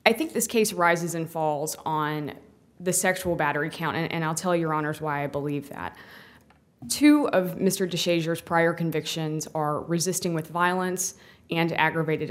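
A woman defense attorney giving a formal, careful appellate argument to a panel of judges. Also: low-pitched.

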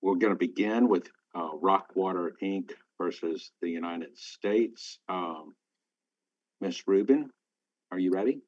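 A man with a low voice speaks as a presiding judge, formal and deliberate, pausing often between short phrases. The sound is dry and a little dull, from a remote hearing. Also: darkish tone, dry recording. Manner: halting, deliberate, with frequent pauses. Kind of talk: formal spoken courtroom instructions.

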